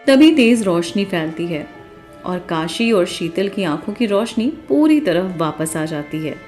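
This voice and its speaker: Woman narrator, mellow tone, calm storytelling, faint music underneath. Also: on the low side, a little slow.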